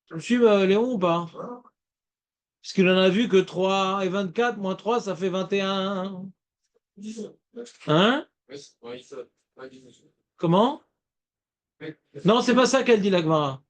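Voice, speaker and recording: A man with a high-pitched voice leads a Talmud class. He explains in a lively, playful way and keeps checking whether his students follow. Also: measured pace, long pauses. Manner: lively, asks students questions, playful rhymes. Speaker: Talmud teacher.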